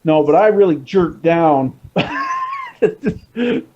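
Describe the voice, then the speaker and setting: Excitable rambling man, slightly high voice. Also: extremely slow, lo-fi sound, a little hiss or hum. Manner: rambling, excitable, many restarts. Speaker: podcast co-host. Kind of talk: casual chat.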